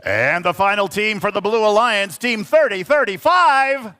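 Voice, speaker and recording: A man emceeing a live competition with hyped, drawn-out calls in the manner of a fighting game announcer. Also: high voice, lively intonation, pushed and bright. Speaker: event emcee introducing a robotics competition.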